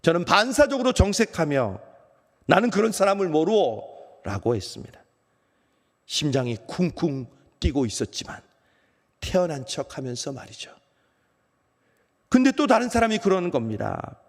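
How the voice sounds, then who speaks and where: Pastor doing an ashamed apostle Peter confessing, lively rise and fall, big reverb of a church hall. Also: male voice, moderate pace, long pauses. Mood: remorseful. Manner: emotional, swings from loud outbursts to hushed low phrases. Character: apostle Peter, remorseful grown man, ashamed. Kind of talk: first-person dramatic monologue in a dawn service. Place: church sanctuary.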